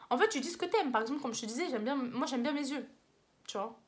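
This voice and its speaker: A woman's voice: sits high, expressive, quick pace. A young woman with a French accent giving casual advice in a vlog, rambling and slangy, often laughing at herself. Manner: rambling, slangy, self-mocking. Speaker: vlogger.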